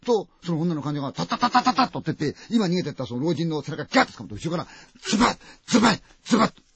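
A very husky, raspy man tells a ghost story with lively, swinging pitch and a brisk pace, full of vivid sound words and sudden drops from loud to hushed. The recording is dull and dry. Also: dry recording. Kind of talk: dramatic ghost story telling.

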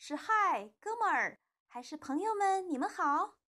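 A woman's voice: very high-pitched, expressive, measured pace, sharp tone, voice pushed up, exaggerated voice. A woman reading a storybook aloud and voicing a shy but stubborn little male wolf cub in a raised, childlike voice. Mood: eager. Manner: eager, timid, childlike.

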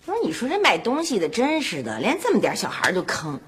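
A woman playing a mother in a sitcom, talking briskly and teasing. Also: mid-range voice, huge pitch swings, a crowd in the background. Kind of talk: sitcom acting.

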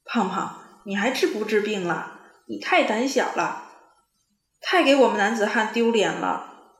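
A woman's voice: mid-range voice, animated, a little slow, reverberant. A woman voicing a blunt dog boy who scolds his friend for being a coward. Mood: scolding. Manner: scolding, indignant.

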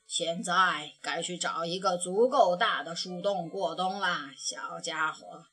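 A woman voicing a kind, patient old grandfather bear in a children's storybook reading, speaking gently with sighing pauses. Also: lowish voice, breathy edge, pitched below the performer's own voice, full character voice. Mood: gentle.

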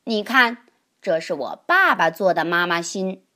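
A woman's voice: low voice, measured pace, fairly bright tone, pitched below the performer's own voice. A woman voicing a lonely, defiant little boy in a storybook, with a petulant, childlike manner. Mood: proud.

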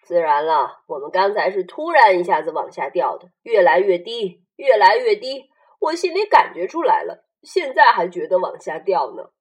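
A woman's voice: on the low side, very animated, normal speed, slightly rough, pitched below the performer's own voice. A woman voicing a gloomy, pessimistic male earthworm in a storybook read aloud, grumbling as he talks. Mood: glum. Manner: glum, grumbling delivery.

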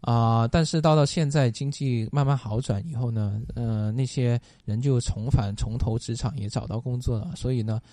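A man's voice: mid-range voice, moderate pace, hardly any pauses, mellow, no room sound, clean studio sound. Methodical male interview guest. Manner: explanatory, methodical, with many fillers. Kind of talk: casual interview answers.

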